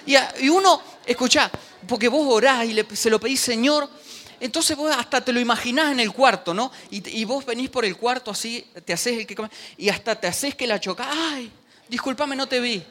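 A man with an extremely high voice preaches briskly in a church. Animated and joking, he speaks straight to the congregation.

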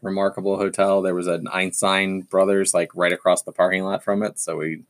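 A man's voice: deep voice, level tone, brisk. A man telling stories in casual chat, enthusiastic and rambling.

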